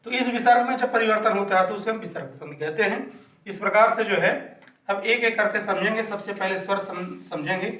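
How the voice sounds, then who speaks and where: A man's voice: high-pitched, brisk, sharp tone. A man teaching a grammar lesson patiently, asking questions and answering them himself. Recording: echoey room, mic at a distance.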